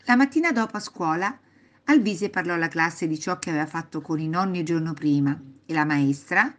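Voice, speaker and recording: A woman reading a children's story aloud as narrator, in an expressive, sing-song storytelling way. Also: low voice, moderate pace.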